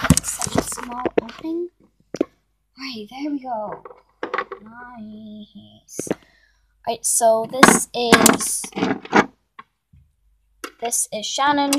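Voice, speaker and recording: Speaking slowly with frequent pauses, this young woman has a voice on the high side and shows off her toy horse barn in a relaxed home video. She hesitates, fixes her own words, and fills gaps with plenty of ums. It's shot indoors on a handheld phone in a carpeted room, and the audio is very noisy.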